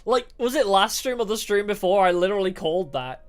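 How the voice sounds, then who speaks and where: A woman livestreamer giving casual game commentary, with animated reactions and chatty asides. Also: medium pitch, brisk. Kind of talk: casual game commentary, reading dialogue aloud. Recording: music playing behind the voice.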